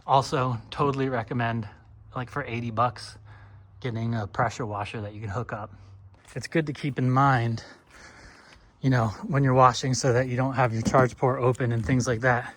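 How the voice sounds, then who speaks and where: A man vlogging outdoors as he washes his car, talking in a relaxed, rambling way with plenty of fillers. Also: medium pitch, moderate pace. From northeastern United States. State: slightly out of breath. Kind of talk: casual talk while washing a car.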